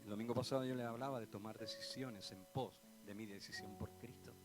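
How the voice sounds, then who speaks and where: This Andalusian-accented Spanish pastor sits on the low side, speaking briskly with fairly even intonation as he swings from loud outbursts to hushed asides and questions his congregation directly. Music plays under the sermon, and the recording quality is poor.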